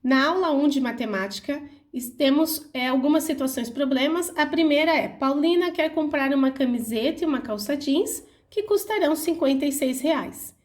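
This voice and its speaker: A young adult woman teacher with a Brazilian Portuguese accent, slowly and clearly explaining workbook answers to her pupils. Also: sits high. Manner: slow, clear, didactic, spelling out syllables. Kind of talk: reading and explaining a school workbook.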